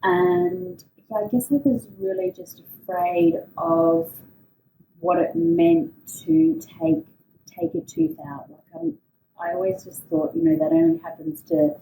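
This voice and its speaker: A woman giving an unscripted personal monologue in a hesitant, reflective way, often pausing mid-phrase. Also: fairly low pitch, animated, gravelly, mellow. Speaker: podcast host telling a personal story. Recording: roomy echo, distant mic, faint noise.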